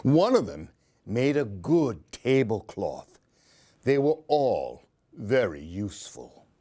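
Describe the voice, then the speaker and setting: This storyteller, who hosts a children's book program, has a medium-pitched, mellow voice that's very animated as he reads slowly. He performs Halloween picture books theatrically, stopping for questions and asides for the young audience.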